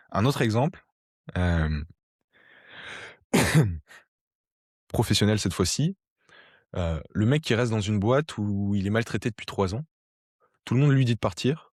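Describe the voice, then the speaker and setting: A man with a fairly low voice talks through ideas in a relaxed, conversational lesson. He hesitates and restarts often, filling gaps with little pauses. The recording is dry and close, with no room sound. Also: no room sound. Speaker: sociology educator. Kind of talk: explanatory talk to camera.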